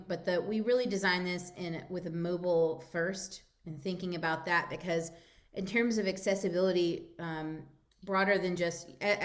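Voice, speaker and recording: A woman giving an informal software demo as the lead presenter, with a hesitant, slightly nervous delivery. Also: on the low side. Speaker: project presenter.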